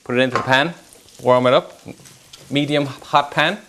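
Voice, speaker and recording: Speaking at a normal pace and medium pitch, a man in his thirties who works as a chef explains a recipe one step at a time as he cooks. It's a relaxed demonstration in an indoor home-style kitchen, where sizzling pans make the recording noisy.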